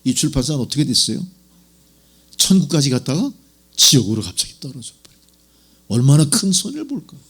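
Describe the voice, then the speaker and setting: A man's voice: mid-range voice, huge pitch swings, a little fast, long pauses, fairly bright tone, breathy edge. A middle-aged male pastor preaching a sermon, asking the congregation rhetorical questions and acting out doubters' voices in quoted asides.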